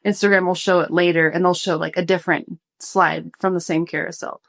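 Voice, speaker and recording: A young woman food blogger answers interview questions in casual chat, her fairly low, creaky voice moving fairly quickly. She sounds relaxed and thoughtful, uses many fillers, and is slightly out of breath.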